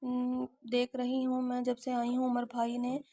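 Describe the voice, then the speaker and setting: A woman's voice: a little high, monotone, measured pace, dark tone. A woman voicing a caring young woman who worries for her friend, in an audio novel. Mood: concerned. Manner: concerned, questioning.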